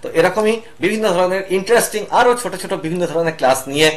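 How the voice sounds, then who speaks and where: A middle-aged man teaching an online lesson, patiently naming each symbol one by one. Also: sits high. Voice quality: patient, explanatory, spells out each symbol slowly.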